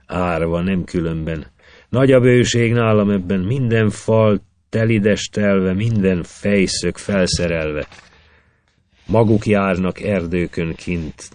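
A man's voice: sits low, darkish tone, no room sound, natural voice. A man voicing a proud old male sage who dismisses offers in rhythmic verse.

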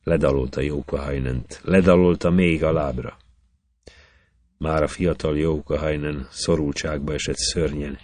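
Deep-voiced man reciting epic verse. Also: darkish tone, no room sound. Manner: measured, rhythmic verse recitation. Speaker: reader. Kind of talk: epic poetry reading.

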